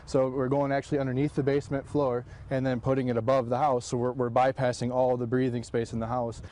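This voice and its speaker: A man's voice: medium pitch, flat delivery, fast, mellow. A male technician explaining his work informally in an on-location interview.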